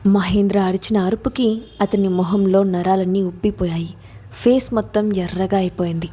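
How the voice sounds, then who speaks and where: Mellow-voiced woman narrating a suspense story. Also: mid-range voice, steady tone, normal speed, breathy edge.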